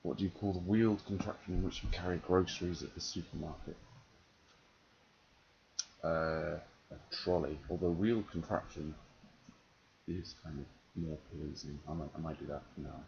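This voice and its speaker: A low, creaky male voice with a London-softened northern English accent. He talks casually and hesitantly, with dry deadpan humour. The recording is dull, with clear noise behind him. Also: normal speed, long pauses. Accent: English, London-softened with slight northern touches. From northern England. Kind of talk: casual answers to an accent questionnaire. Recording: dull, noisy home recording.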